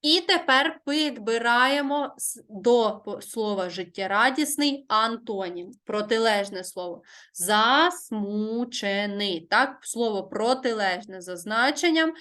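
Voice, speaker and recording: Slow-spoken woman teacher, higher voice. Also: animated, a bit bright. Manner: slow, careful, dictation-like; asks and answers her own questions. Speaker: primary school teacher. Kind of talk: online Ukrainian language lesson.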